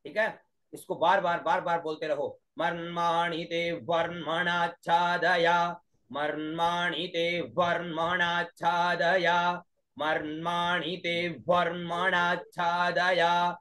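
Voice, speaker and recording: High-voiced man teaching Vedic chanting. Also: level tone, pushed and bright. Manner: drills syllables slowly, chants each line over and over. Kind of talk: online class teaching mantra pronunciation. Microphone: video call.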